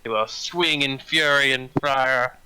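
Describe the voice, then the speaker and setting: A man's voice: medium pitch, measured pace, bright, forceful tone, smooth, rough recording. A man running a tabletop fantasy game as game master, narrating scenes and calling out rolls.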